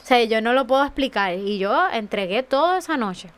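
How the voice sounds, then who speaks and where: Woman guest, smooth and slightly high, earnest, moved storyteller. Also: expressive, a little fast. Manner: emotional, earnest storytelling with many fillers. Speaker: guest author and speaker. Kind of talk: personal testimony in a radio talk.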